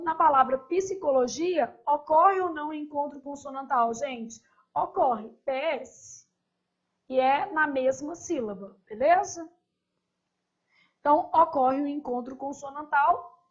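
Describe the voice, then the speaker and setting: High-voiced woman teacher, lo-fi sound. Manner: explains step by step, checks in with tag questions. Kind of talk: recorded exam review lesson.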